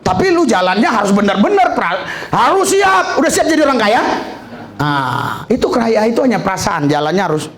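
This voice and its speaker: Male preacher, high voice, animated shouting sermon, frequent hallelujahs, echoey room. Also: moderate pace. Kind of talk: lively sermon.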